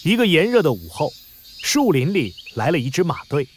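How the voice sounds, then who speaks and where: A man narrating a children's story in an expressive, explanatory way. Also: on the high side, fairly quick, a little hiss or hum.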